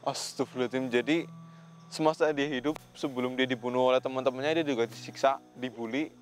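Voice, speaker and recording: A man's voice: medium pitch, fairly even intonation, fast, slight background noise. A man hosting a paranormal investigation vlog, talking earnestly to a spirit and to his viewers. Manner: earnest, speaks to spirits and viewers, keeps saying "Mas". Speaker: ghost-hunting vlogger.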